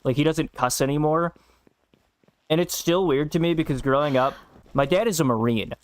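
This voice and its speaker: A man's voice: fairly high pitch, moderate pace. A young man streaming a game and chatting casually, blunt and profane, bantering with his co-host. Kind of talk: casual chat while gaming.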